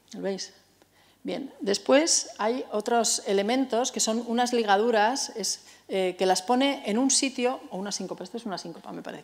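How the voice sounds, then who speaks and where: A woman with a Spanish accent from Spain giving a public music talk, explaining things to the audience and checking in often with "eh?" and "no?". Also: fairly high pitch. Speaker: music lecturer. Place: cultural center hall.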